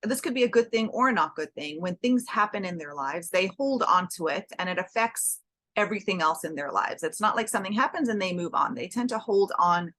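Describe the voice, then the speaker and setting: A woman's voice: medium pitch, lively intonation, a little fast, fairly bright tone, no echo. A woman giving a spiritual class, earnest and storytelling, often repeating words for emphasis. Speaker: Torah teacher. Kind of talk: spiritual class on the Hebrew months.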